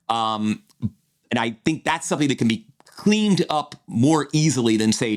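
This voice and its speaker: A man co-hosting a podcast, chatting casually through a draft analysis with lots of restarts. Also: lowish voice. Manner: rambling, many restarts and fillers. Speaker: podcast co-host.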